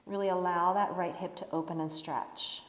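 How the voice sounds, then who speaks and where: Calm woman guiding a yoga class. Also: lowish voice, normal speed. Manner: calm, encouraging, laughs at mishaps. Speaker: yoga instructor. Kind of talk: guided yoga class instruction. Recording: echoey room with long reverb.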